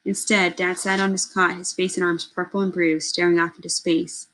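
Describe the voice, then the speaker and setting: A woman reads a novel aloud with earnest, expressive delivery. Her voice sits a little low for a woman, and she now and then corrects a word as she goes. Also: normal speed, poor audio. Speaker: reader.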